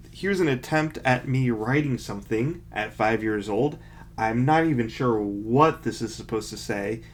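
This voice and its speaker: A young man speaks casually at an average pitch, as a vlogger would. He reads short bits aloud and picks them apart with mocking, self-deprecating commentary. His asides are dry and sarcastic. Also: darkish tone. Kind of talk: casual commentary, reading aloud from a childhood book.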